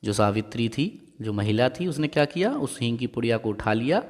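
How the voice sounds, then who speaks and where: A man's voice: medium pitch, lively intonation. Man teaching a story lesson, reverberant room. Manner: repeats and explains each line, asks quick checking questions. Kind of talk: explaining and reading a Hindi story lesson. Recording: long hall-like reverb.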